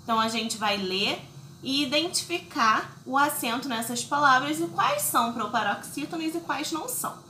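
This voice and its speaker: A woman's voice: high-pitched, big pitch swings, normal speed, pushed and bright, reverberant, a little hiss or hum. A woman teaching children a recorded lesson, explaining patiently step by step and checking in often. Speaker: schoolteacher.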